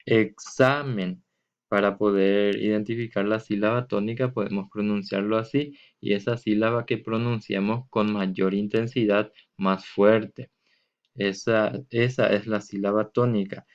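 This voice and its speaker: A man with a fairly low voice delivers a recorded classroom lesson. He explains step by step and with patience, drawing words out to mark their stressed syllables. The sound is muffled and lo-fi. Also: steady tone, a little slow. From Paraguay. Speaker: teacher. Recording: dull lo-fi recording.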